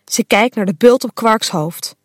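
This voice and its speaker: A woman reading a children's story aloud, with an expressive and playful storybook delivery. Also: on the high side, unhurried, dry recording, clean studio sound.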